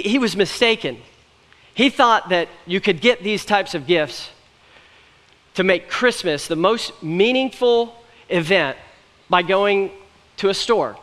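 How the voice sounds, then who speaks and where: A young man preaching on a church stage has a voice that sits high and sounds a bit bright. He talks in an earnest, conversational way with light jokes, and the large church hall gives everything a long reverb.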